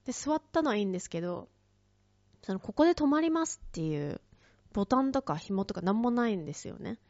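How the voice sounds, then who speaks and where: A woman's voice: medium pitch, lively intonation, fast, a little mellow, no echo. A woman telling a casual story in a chatty way, with many fillers, and acting out quoted lines in a raised voice. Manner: many fillers, frequent light laughs. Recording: dull lo-fi, dry close recording.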